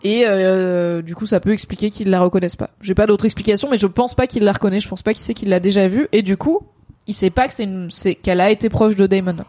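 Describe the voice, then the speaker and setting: A woman co-hosting a stream debriefing a TV episode, chatting casually with quick digressions and many fillers. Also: medium pitch, warm tone. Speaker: co-host of a series debrief stream. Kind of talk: casual chat.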